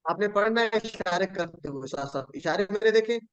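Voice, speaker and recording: A man's voice: high-pitched, lively intonation, fairly quick, fairly bright tone, no echo, muffled recording. A man teaching a Quran and Arabic grammar lesson in an online class, speaking with a flavor, patiently repeating words and quizzing his students.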